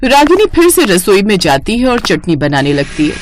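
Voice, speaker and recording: A woman narrating a scripted cartoon story in a plain, steady way. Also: mid-range voice, moderate pace, slight background noise.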